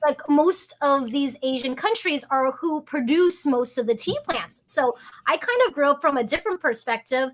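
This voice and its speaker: A woman from the United States hosting a casual interview, chatty and animated, who says "like" a lot. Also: sits high, moderate pace, hardly any pauses, slight background noise. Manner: chatty, animated, uses "like" often. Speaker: host.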